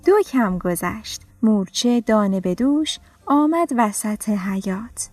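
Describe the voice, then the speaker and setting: A woman narrating a children's story in a gentle, clear storytelling way. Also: medium pitch. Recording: dry studio with soft music.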